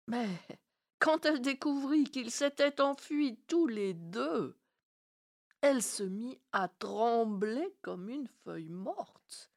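Brief: woman storyteller, unhurried and expressive, a fairy tale read aloud. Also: on the high side, vocal fry. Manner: slow and expressive. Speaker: narrator. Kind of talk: storybook reading.

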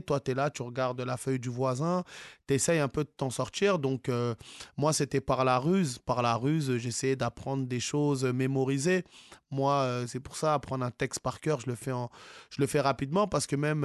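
A man's voice: medium pitch, dry recording, clean studio sound. A man from France, an author being interviewed, speaking casually with many fillers and restarts.

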